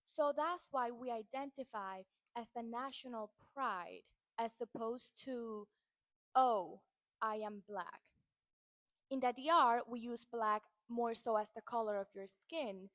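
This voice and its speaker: A woman's voice: fairly high pitch, fairly bright tone, no room sound. Woman with a dry close sound. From Dominican Republic. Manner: earnest, measured, explaining. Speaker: content creator. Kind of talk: explanatory social media monologue.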